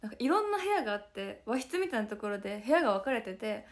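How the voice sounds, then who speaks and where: Young woman, slightly high voice, hoarse and worn, chatty livestream talk that keeps sinking to a whisper, phone mic. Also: very animated, quick pace. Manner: soft, chatty, often slips into a whisper. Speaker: idol group member streaming to fans. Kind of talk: casual livestream chat.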